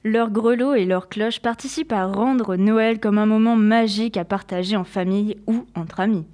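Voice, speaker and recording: A woman's voice: medium pitch, moderate pace, a little mellow, faint music behind. A young woman presenting a radio column in a chatty, self-mocking way, with many fillers. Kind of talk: read radio column with casual asides.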